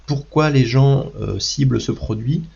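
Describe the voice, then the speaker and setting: Man with a cold, husky gravelly low voice, hesitant restarts, dull lo-fi sound. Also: measured pace, a little mellow. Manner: hesitant, many restarts and fillers. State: has a cold. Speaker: card game video host. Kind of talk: casual spoken commentary.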